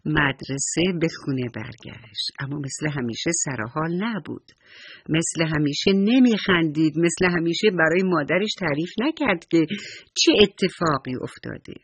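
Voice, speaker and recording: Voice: medium pitch, animated, fairly bright tone, husky. A children's storyteller telling a story and speaking affectionately straight to the young listeners. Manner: affectionate, addresses children directly.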